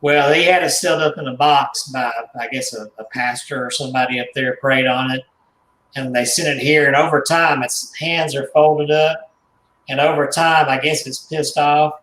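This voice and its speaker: A man's voice: mid-range voice, fairly even intonation, a bit bright, slight background noise. Rambling man in an echoey room. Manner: rambling, halting with restarts and chuckles. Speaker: guest, haunted doll collector and author. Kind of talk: casual storytelling in radio chat.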